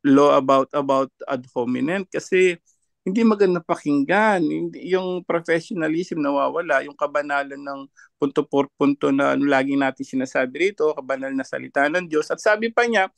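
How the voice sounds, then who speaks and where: A man's voice: on the high side, moderate pace, gravelly, no room sound. A man commenting as a panelist in an online discussion, mocking and laughing often between his points.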